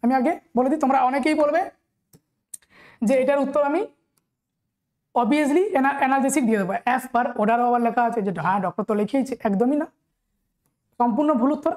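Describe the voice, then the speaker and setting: A young woman with a Bengali accent and a high, somewhat mellow voice teaches a nursing exam-prep lecture. She reads each question slowly, then explains the answer quickly, repeatedly checking in with her listeners.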